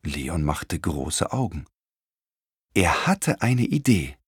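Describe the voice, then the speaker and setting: A man reading a children's storybook aloud, his lowish voice rising and falling with great animation. The reading is expressive and recorded close and dry. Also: takes it slowly, breathy edge, dry recording. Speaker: audiobook narrator. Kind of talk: storybook narration.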